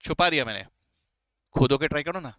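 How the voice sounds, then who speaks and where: Fairly high in pitch and fairly quick, his voice is animated, bright and forceful, with no echo. He delivers a beginners' accounting lesson that mixes Hindi and English, explaining each step warmly and encouragingly. Students get called "beta" and "sir", and he checks in with "right?" and "okay?" over and over.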